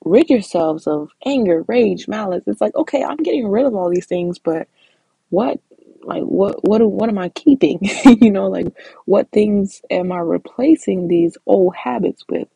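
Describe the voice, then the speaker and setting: A woman's voice: medium pitch, measured pace, gravelly, warm tone, breathy edge, no echo, low-quality recording. A woman giving casual Bible teaching, talking conversationally with frequent fillers and repeated words.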